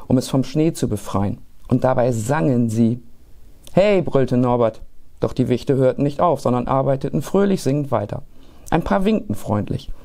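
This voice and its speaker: Male storyteller, expressive read-aloud of a children's tale, dark and gravelly tone. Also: medium pitch. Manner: lively, expressive narration.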